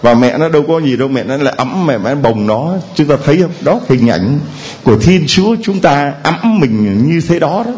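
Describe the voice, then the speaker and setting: Lively, playful male priest preaching. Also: on the high side, moderate pace, slight background noise. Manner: playful and humorous, acting out quoted voices. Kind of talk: sermon to a congregation.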